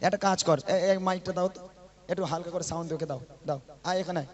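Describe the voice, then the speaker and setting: A man leading a live devotional gathering from the stage microphone, chatting between songs and coaxing the audience to chant louder. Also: high-pitched, steady tone, racing, highs cut off. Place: live outdoor or hall gathering at night with audience. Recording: live event with music behind. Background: music playing under the voice.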